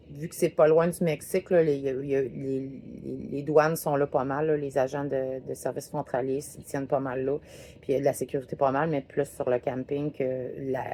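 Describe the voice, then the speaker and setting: Low-voiced Québécois woman rambling. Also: mellow, slight background noise. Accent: Québécois French. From Quebec, Canada. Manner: rambling and chatty, with many filler words. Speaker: RV travel vlogger. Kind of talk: casual travel vlog recap. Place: parked RV in a parking lot.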